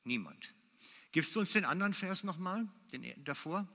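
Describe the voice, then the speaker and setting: A man's voice: sits high, animated, normal speed, vocal fry, pushed and bright. A man preaching a sermon in German, emphatic and repeating his key phrases for weight. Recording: long hall reverb.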